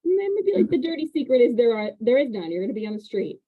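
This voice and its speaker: A woman hosting a casual chat about renting, telling animated stories about parking. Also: on the high side, fast. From Indiana. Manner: chatty, animated storytelling with laughs. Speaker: real estate agent and host. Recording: tinny phone-like line.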